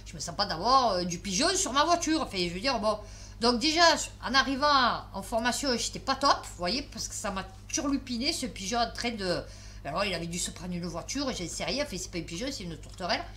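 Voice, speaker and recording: A woman's voice: mid-range voice, animated, a little fast, pushed and bright, slight background noise. A tired woman vlogger telling a story to camera in a casual, chatty way, swearing and filling with restarts.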